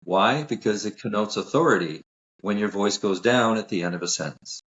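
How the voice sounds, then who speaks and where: A man's voice: on the low side, normal speed, fairly bright tone, echoey room, muffled recording. A man who works as a sales coach, speaking as a guest on a podcast interview in an emphatic, self-assured, lecturing way.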